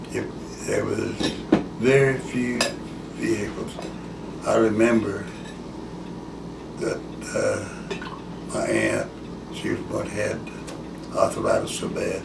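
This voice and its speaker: Gravelly elderly man rambling like a grandpa. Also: on the low side. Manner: folksy, meandering, halting. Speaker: war veteran recalling his school days. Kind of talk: rambling grandpa story, casual reminiscence. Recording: echoey room, distant mic, loud hiss.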